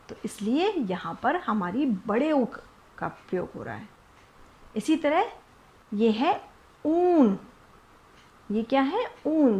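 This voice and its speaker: Woman, young, teacher, nursery lesson, slow, patient, repetitive, fairly high. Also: muffled recording. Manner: slow, patient, repeats and stretches words for children.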